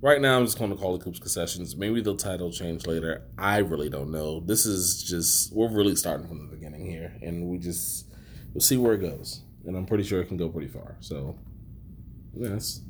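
A man's voice: sits low, moderate pace, slight background noise. A man hosting a podcast in casual chat, rambling with fillers and easy laughs. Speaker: podcast host.

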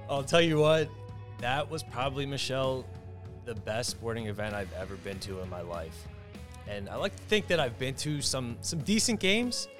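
Young guy hosting a sports betting podcast, gets super animated telling stories, mid-pitch voice, faint music under it. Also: normal speed. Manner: animated storyteller, excitable, mimics shouting. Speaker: host. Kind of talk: casual sports betting chat.

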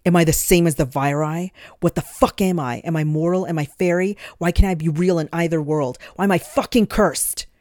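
A woman's voice: extremely low pitch, normal speed, hardly any pauses, darkish tone, dry recording, studio quality. A storyteller voicing a furious, cursed young woman who screams and swears. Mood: enraged. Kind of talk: audio story character.

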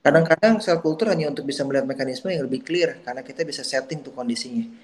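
A doctor and researcher with a medium-pitched voice talks very fast as a guest on a podcast in a casual interview. He explains things at length, with small restarts and hedges along the way.

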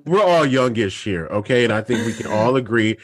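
A man's voice: mid-range voice, expressive, a little fast, no echo. A man co-hosting a casual chat, emphatic, often repeating his agreement. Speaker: podcast co-host.

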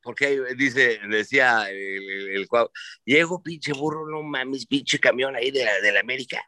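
A man with a Mexican Spanish accent, telling sports stories in casual chat as host, animated and profane, acting out the voices he quotes. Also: medium pitch, moderate pace, no echo.

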